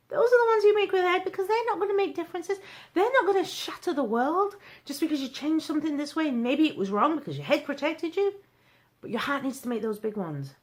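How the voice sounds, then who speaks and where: Bubbly middle-aged woman, high animated voice, motivational vlog recap. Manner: bubbly and emphatic, swings between loud bursts and near-whispers; laughs often, self-deprecating. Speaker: social media vlogger.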